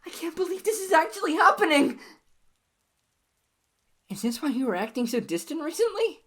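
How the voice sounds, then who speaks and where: A woman voicing an obsessive, clingy young lover in an audio roleplay, speaking softly and pleadingly in a husky, whispery voice to the listener. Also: a bass voice, animated, normal speed, exaggerated voice. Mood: giddy overjoyed.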